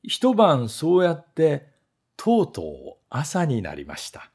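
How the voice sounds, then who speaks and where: A male voice actor narrates a children's story with measured, expressive delivery. His pitch sits a little high for a man and moves in lively rises and falls. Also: breathy edge. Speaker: voice actor reading a story aloud.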